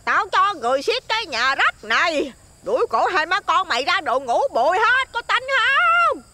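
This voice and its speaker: Woman doing a shrill loan-shark dame. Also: very animated, normal speed, sharp tone, in a large hall, a little hiss or hum, heavily acted. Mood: threatening. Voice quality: shrill, piercing. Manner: scolding, mocking, abrupt pitch swings. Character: shrill greedy middle-aged female village loan shark.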